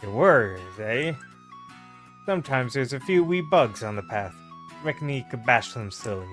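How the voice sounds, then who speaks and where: A man voicing a gruff, scheming male squirrel guide in a game, with a put-on Scottish accent and a rough, blunt manner. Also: medium pitch, big pitch swings, moderate pace, a bit bright, faint music behind. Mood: wheedling. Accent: attempted Scottish.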